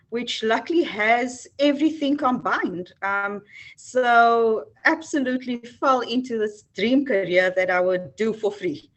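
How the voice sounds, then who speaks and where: Earnest South African businesswoman. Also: on the high side. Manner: warm, earnest, with frequent ums and restarts. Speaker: HR executive, guest. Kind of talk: interview answers.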